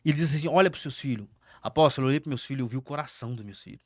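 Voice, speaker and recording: A man's voice: mid-range voice, racing, dry recording, studio quality. A middle-aged Brazilian man, a pastor, giving an emotional personal testimony, dramatic and repetitive as he acts out the dialogue. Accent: Brazilian Portuguese. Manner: dramatic storyteller, repeats words, acts out dialogue. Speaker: pastor, podcast guest.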